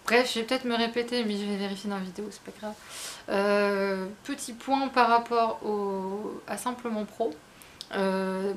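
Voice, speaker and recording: A woman's voice: medium pitch, slight background noise. A woman chatting casually, rambling with many fillers and restarts. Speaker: book vlogger. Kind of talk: casual chat.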